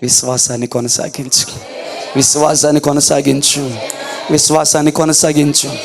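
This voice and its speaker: A man preaching a sermon, a fervent pastor who builds to shouted repeated refrains and mixes English phrases into his preaching. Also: a little high, flat delivery, normal speed, creaky, crowd noise. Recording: live church service, congregation audible. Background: congregation noise.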